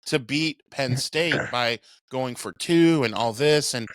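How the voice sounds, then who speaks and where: Easygoing halting sports podcast co-host. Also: male voice, medium pitch, a bit bright, no echo. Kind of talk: casual sports chat.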